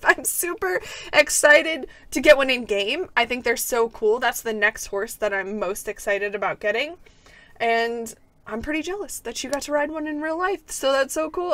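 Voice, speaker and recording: A woman's voice: sits high, sharp tone, dry recording. A young adult woman giving casual, giggly, enthusiastic commentary as she plays a video game. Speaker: host of a video game play-through.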